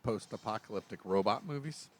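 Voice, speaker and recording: A man's voice: lowish voice, expressive, fairly quick. A middle-aged man co-hosting a casual film review podcast, rambling and correcting himself as he talks. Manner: rambling, self-correcting, chuckles. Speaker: podcast co-host.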